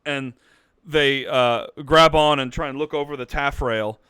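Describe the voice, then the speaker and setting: A man's voice: medium pitch, steady tone, measured pace, sharp tone, clear, resonant tone, no room sound, studio quality. A man running a tabletop game over a streamed call, narrating with loose, profane banter and plenty of fillers. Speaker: game master.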